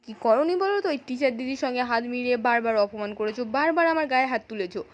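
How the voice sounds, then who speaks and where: A woman's voice: on the high side, animated, quick pace, natural voice. A woman voicing a firm young wife demanding a divorce as she retells a serial episode. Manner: firm, insistent.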